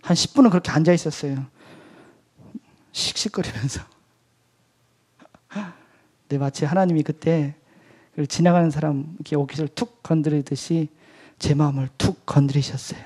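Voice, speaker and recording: A male pastor and missionary giving a testimony at an evening church service, swinging between loud outbursts and hushed whispers. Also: on the high side, fairly even intonation, moderate pace, pauses often, slightly rough. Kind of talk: sermon testimony.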